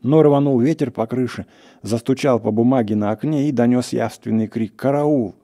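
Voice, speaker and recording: A man narrating a classic short story in a steady, measured storytelling manner. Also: medium pitch. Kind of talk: literary reading of a classic story.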